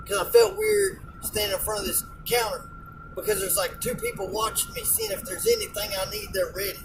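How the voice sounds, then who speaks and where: A man's voice: high voice, gravelly, distant mic, noisy background. A man, a truck driver, telling a rambling, colloquial story in a casual rant, often repeating words and restarting sentences.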